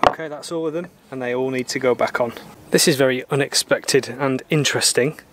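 A man in his thirties calmly explaining, step by step, how he repairs a boat part outdoors. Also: mid-range voice, brisk, a little hiss or hum. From Britain. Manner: calm, methodical, plain-spoken, mildly opinionated. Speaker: sailor doing boat repairs. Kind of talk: explaining repair steps while working. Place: outdoors in a garden workshop.

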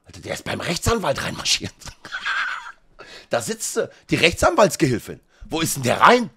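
A man streaming a reaction, joking and talking to his chat in an animated way. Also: fairly high pitch, moderate pace, vocal fry, slightly rough. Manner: animated, jokey, talks to chat.

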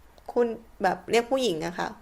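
A woman's voice: mid-range voice, very fast, vocal fry. A woman English teacher with a Thai accent, patiently spelling out words letter by letter and repeating each one as she explains them. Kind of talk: slow, patient classroom explanation.

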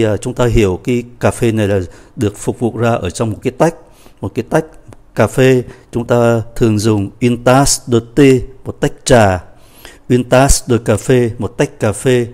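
A man's voice: medium pitch, darkish tone. A man teaching a French lesson, patiently repeating and explaining each phrase. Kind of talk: language lesson explaining a dialogue.

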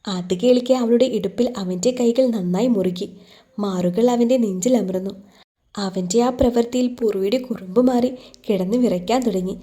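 A woman storyteller reading a romance novel aloud in a steady, measured way. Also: medium pitch. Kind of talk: scripted audiobook narration.

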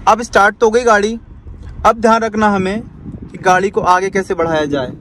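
A man's voice: sits high, steady tone, normal speed, fairly bright tone, slight background noise. A man giving a driving lesson from inside a car, talking his student through each step and repeating his commands. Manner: instructive, repeats commands, tags lines with "ठीक है". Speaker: driving instructor.

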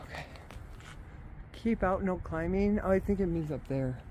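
This woman speaks at a normal speed in a lowish voice, with background noise around her. Filming herself on a handheld phone along a forest trail, the vlogger talks casually, laughs, exclaims frequently, and pants from the climb.

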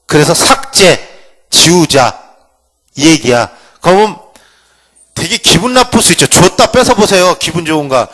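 A man's voice: fairly high pitch, animated, normal speed, long pauses, fairly bright tone. A man giving a humorous history lecture, joking with students and acting out quotes from the past. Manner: playful, acts out quotes. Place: lecture room.

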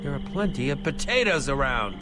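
A man's voice: medium pitch, big pitch swings, moderate pace, over music, natural voice. A man voicing a wary game character. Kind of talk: video game voice acting.

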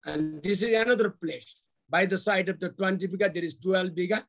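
A middle-aged man with a Nepali accent presenting slides on a video call in halting, repetitive phrases. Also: high-pitched, steady tone, a bit bright. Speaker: university official presenting a development plan. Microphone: video call microphone.

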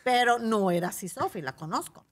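Animated Mexican woman telling a story. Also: on the high side, brisk. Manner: animated, acts out other people's voices in quotes. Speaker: talk show guest. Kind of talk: casual storytelling on a talk show.

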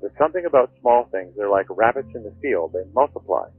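A man's voice: on the low side, lively intonation, fairly quick, husky, no echo, faint music behind. A man giving conversational productivity advice in a methodical, instructive way, heard through a telephone-like line. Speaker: productivity author and speaker. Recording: dry, tinny phone-like line.

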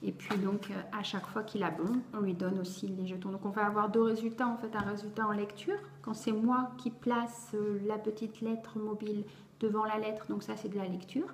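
A woman's voice: mid-range voice, level tone, normal speed. A woman reading tutor explaining a learning method to parents, hesitant and full of fillers. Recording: echoey room with faint background noise.

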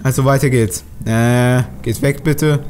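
Chatty German gamer grumbling at enemies. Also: male voice, medium pitch, steady tone, measured pace, darkish tone, soft background music. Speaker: let's play host. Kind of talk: gaming commentary.

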